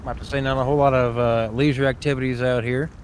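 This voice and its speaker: A man playing a young, wary adventurer who asks halting, chatty questions in a tabletop game. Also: mid-range voice, little pitch movement, slight background noise, natural voice. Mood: curious. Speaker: player. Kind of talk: tabletop role-play in character.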